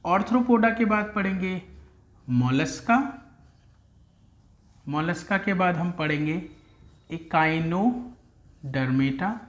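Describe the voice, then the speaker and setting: A male teacher giving a classroom lecture, drilling terms by slow repetition and calling students "beta". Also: high voice, animated, roomy sound, highs cut off.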